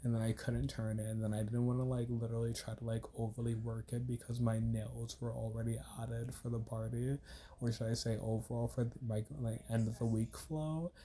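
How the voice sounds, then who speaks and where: A young beauty vlogger, congested from a cold, rambles casually through a makeup tutorial voiceover, saying "like" constantly. His stuffy voice is medium-pitched, level, and warm, and he talks briskly over a little hiss or hum.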